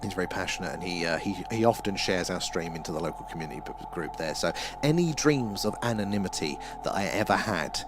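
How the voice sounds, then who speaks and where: Essex-accented man with a low-pitched voice, chatting casually. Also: lively intonation, fast, noisy background. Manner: rambling, self-deprecating. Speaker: livestream host. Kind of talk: casual livestream chat, answering viewers' comments. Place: small room at home.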